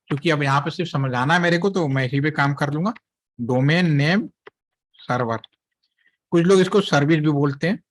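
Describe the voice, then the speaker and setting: A man instructs trainees in a patient, step-by-step lecture. His voice sits a little high for a man, and he keeps pausing to check that everyone is following. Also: fairly bright tone. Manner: explains step by step, checks in often with "theek hai".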